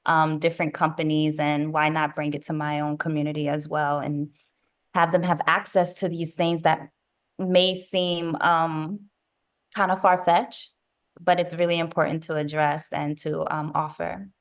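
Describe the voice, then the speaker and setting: A woman with a very low voice that barely rises or falls speaks at a community meeting. She is soft-spoken and talks haltingly, with frequent fillers. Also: level tone. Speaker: community member.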